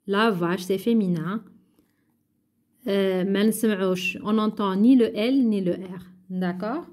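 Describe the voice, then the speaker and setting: Woman teacher, patient, repeats and translates each word, mid pitch. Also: darkish tone. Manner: slow, patient, repeats words and translates French into Arabic. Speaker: primary school teacher. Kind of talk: workbook lesson.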